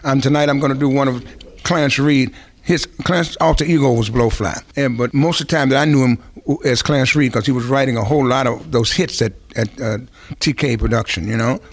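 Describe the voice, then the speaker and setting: In an interview, an older veteran musician tells long, wandering anecdotes filled with restarts and digressions. He talks fairly quickly in a mid-range voice.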